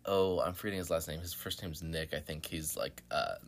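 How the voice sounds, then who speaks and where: A man co-hosting a sports podcast, talking informally and a bit haltingly, with "like" dropped in often. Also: very deep voice. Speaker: podcast co-host. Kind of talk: casual sports podcast chat.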